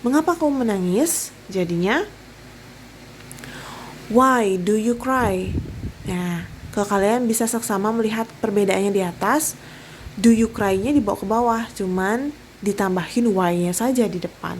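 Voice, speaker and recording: A woman's voice: mid-range voice, normal speed, a little mellow, slight background noise, rough recording. A young woman with an Indonesian accent, an English teacher explaining grammar step by step in a recorded online lesson, mixing in English phrases and answering her own questions.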